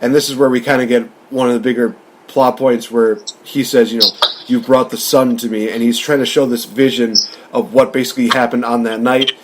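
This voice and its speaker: A podcast co-host with a medium-pitched, fairly even voice speaks fairly quickly as he casually recaps a film and comments on the story as it unfolds. Faint ambient noise sits in the background.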